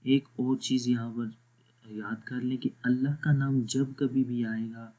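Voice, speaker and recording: A man teaching Quran recitation, patient and steady, who stretches sounds out slowly to demonstrate them and often checks in with his students. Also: mid-range voice, rough recording. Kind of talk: spoken lesson with recitation drills.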